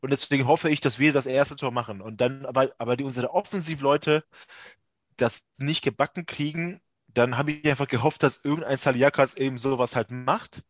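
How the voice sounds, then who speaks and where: A man's voice: mid-range voice, no room sound, studio quality. A man hosting a football podcast, casually talking through a match and thinking aloud as he goes. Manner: analytical, thinks aloud with restarts.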